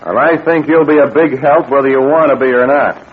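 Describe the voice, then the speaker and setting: Actor as tough wisecracking hero, old radio show. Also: male voice, mid-range voice, steady tone, natural voice. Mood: menacing, firm. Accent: American. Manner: brisk, wry, taking charge. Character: tough, wisecracking adventurer hero, commanding and cocky. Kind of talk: old radio show, adventure serial acting. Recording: tinny, noisy old radio recording.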